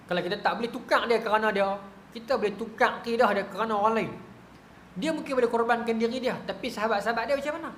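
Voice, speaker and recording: A man's voice: extremely high pitch, fast talker, fairly bright tone, echoey room, slight background noise. A man voicing a cruel, scheming ancient Roman king within a sermon, blunt and taunting in speech. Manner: retold in a preacher's dialect, blunt and taunting.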